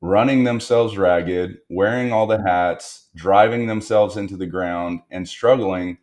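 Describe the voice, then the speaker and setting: A man's voice: sits low, a little slow, a little mellow. A man speaking as a guest on a business podcast, reflecting on lessons learned and stressing points by repetition. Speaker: guest entrepreneur. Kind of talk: podcast interview.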